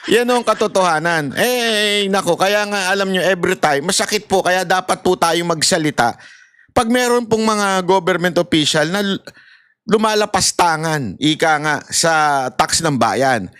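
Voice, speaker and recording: A man's voice: sits high, normal speed, fairly bright tone, clean tone, dry recording, clean studio sound. A man in impassioned political commentary, ranting and mocking, with laughs and acted-out voices. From Philippines.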